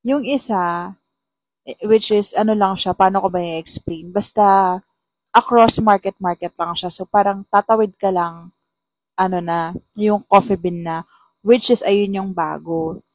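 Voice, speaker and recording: A woman's voice: medium pitch, dry recording. Chatty young woman telling a story. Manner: chatty, animated storytelling with exasperated asides. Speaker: vlogger. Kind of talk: casual storytelling vlog.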